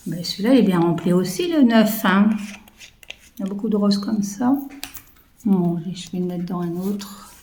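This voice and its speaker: A woman's voice: mid-range voice, moderate pace, pauses often, warm tone, slight background noise, rough recording. A woman in her fifties chatting casually to viewers while she works on a craft project, rambling with many fillers and muttering to herself. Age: 50s. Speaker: craft vlogger.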